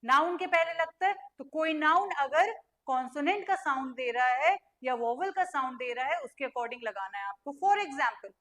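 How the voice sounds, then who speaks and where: A young female teacher with a high, bright voice runs an online grammar lesson. She fires questions at her students and answers them herself, and she draws letters out one at a time as she spells. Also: lively intonation, moderate pace.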